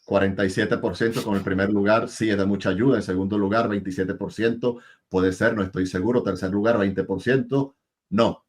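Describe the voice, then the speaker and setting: A male interview host talking over a video call, chatty and quick to laugh, often repeating his words. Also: on the low side. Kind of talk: casual interview and enthusiastic sign-off.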